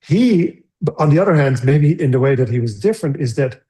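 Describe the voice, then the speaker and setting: A man's voice: fairly high pitch, expressive, dark tone. A middle-aged man from the Netherlands, a screenwriter being interviewed, who talks thoughtfully and often restarts his sentences. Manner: thoughtful, halting with many restarts. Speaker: screenwriter guest. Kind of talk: conversational interview.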